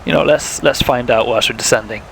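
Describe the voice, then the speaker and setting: The voice is medium-pitched, gravelly, a bit bright, and a little fast: a young man with a sore throat casually narrating his flight sim stream, thinking aloud and chatting to viewers. There's a little hiss or hum on the low-quality recording.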